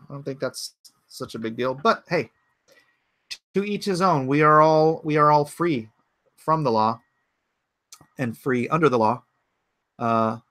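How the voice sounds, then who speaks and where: A man in his forties hosts a casual livestream from his home computer, rambling and thinking aloud while answering chat comments. His voice is medium-pitched and a bit bright, with no room sound.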